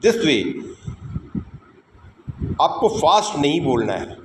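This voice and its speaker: Indian man teaching english, very slow and deliberate, slightly high voice, each word stressed. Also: very animated. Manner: switches between Hindi and English. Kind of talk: spoken English lesson. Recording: echoey room with background noise.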